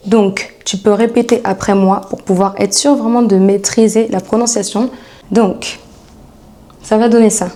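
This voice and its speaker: A woman coaching English in a relaxed, chatty video lesson. Her voice is mellow and warm, and she slows down to repeat each phrase for her viewers. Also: mid-range voice, soft background music.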